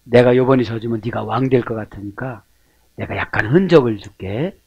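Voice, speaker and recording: A man voicing a stern divine wrestler who lets his opponent win but leaves a wound, speaking in a low, hushed, teasing voice. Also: fairly quick, vocal fry, slightly rough, muffled recording. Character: divine wrestler granting defeat, stern, old.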